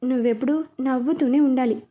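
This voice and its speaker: A woman's voice: sits high, a little fast, mellow, lo-fi sound, natural voice. A woman reading a story, voicing a young man who coaxes and apologizes to his fiancée. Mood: tender. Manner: coaxing, apologetic.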